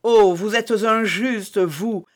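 In an audiobook, a man pushes his voice up into a high register and reads slowly to play a desperate, scheming woman prisoner. She pleads and prays tearfully and theatrically, sounding both pleading and indignant.

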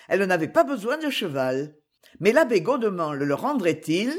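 A woman narrating a novel chapter as an audiobook reader, with measured, expressive storytelling. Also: mid-range voice, husky. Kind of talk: scripted narration.

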